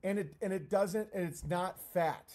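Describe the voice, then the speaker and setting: A man on a casual livestream, rambling and halting as he answers comments with profane, self-deprecating talk. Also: sits high, darkish tone. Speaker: live streamer.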